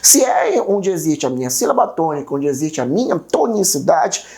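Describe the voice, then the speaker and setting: A woman's voice: sits low, very animated, normal speed, dark tone. A Brazilian woman teaching an exam-prep grammar lesson, repeating each rule and asking and answering her own questions. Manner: repeats key rules, checks in with viewers.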